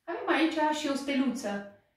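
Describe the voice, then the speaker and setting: A woman with a Romanian accent, teaching slowly and patiently, praising each repetition in a drill. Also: sits high, expressive. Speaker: English teacher. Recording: very echoey room, voice from a distance.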